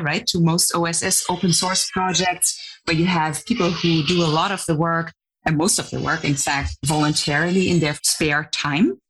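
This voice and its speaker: Low-voiced woman professor explaining research. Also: slightly rough. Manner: articulate, measured, academic. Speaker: professor, podcast guest.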